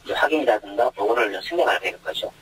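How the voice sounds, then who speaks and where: Man with a deep pitch-shifted, disguised voice. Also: animated, very fast, a bit bright, breathy edge, poor audio. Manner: explains step by step, starts with hesitant fillers. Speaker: airport security guard. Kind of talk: anonymous news interview answers. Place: connected to the studio from elsewhere.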